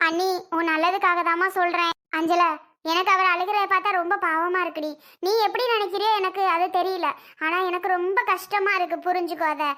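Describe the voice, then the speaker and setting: A woman's voice: extremely high pitch, fairly even intonation, a little fast, pushed and bright. A woman playing a young sister-in-law who pleads with and lectures a relative in a home-made family drama skit. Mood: pleading. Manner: pleading, lecturing, repeats herself.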